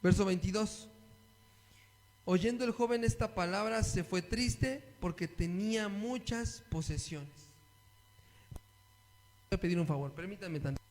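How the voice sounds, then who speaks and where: A man preaches to his listeners in a high voice. He reads Bible verses aloud and keeps asking them questions. His voice carries a long reverb from a large hall. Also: measured pace, pauses often, darkish tone. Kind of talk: sermon Bible study.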